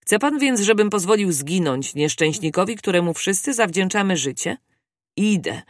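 A reader voicing a calm, composed English gentleman who speaks in a measured, even way. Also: mid-range voice, dry recording, clean studio sound, natural voice. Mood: calm resolve. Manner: measured and cool.

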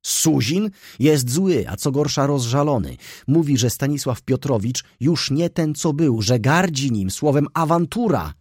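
A man voicing an excitable, pushy young male shop clerk in an audiobook, talking in a breathless, indignant way. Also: medium pitch, a little slow, few pauses, husky, dry recording, studio quality, voice pushed up. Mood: agitated.

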